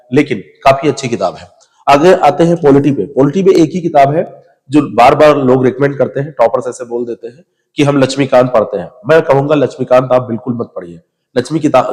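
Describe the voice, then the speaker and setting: Recorded with a big-room sound, this man's mid-range, darkish voice belongs to an exam prep teacher. Speaking to viewers as "you," he gives straightforward, casual guidance on the right books for a civil service exam.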